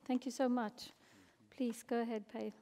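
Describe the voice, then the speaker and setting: A woman's voice: on the high side, flat delivery, moderate pace, warm tone. A woman moderating a conference panel, polite as she hands the floor on. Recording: reverberant hall from off mic.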